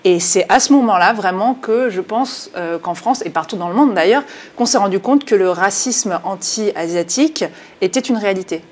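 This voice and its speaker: A woman journalist and author speaking as a guest in a studio interview, earnest and often halting, with frequent fillers and restarts. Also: medium pitch, expressive, a little mellow.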